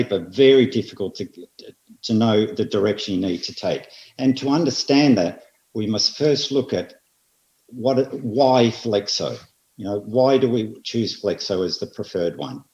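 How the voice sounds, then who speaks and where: An Australian man presenting at an industry seminar, speaking in a measured way and hitting repeated phrases with emphasis. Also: fairly low pitch, lively intonation, a little mellow. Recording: roomy, slightly dull audio.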